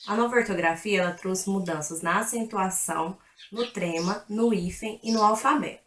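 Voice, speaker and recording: A woman's voice: medium pitch, moderate pace, fairly bright tone. Woman presenting a lesson, roomy sound. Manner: friendly, direct address to viewers. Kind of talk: video lesson introduction.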